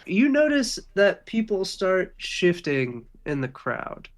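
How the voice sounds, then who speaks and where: A man's voice: high voice, sing-song, takes it slowly. A man narrating a tabletop game as game master, in a loose, laid-back way.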